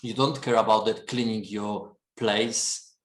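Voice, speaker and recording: A man's voice: on the low side, level tone, a little slow, roomy sound. A man from Poland with a Polish accent, a podcast guest telling family stories in casual chat, laughing often and filling with "and then" and "you know".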